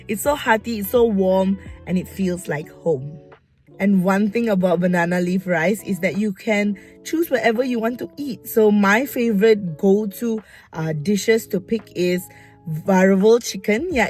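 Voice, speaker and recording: A woman's voice: medium pitch, darkish tone. A young woman from Malaysia, giving an enthusiastic class presentation. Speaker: student presenter.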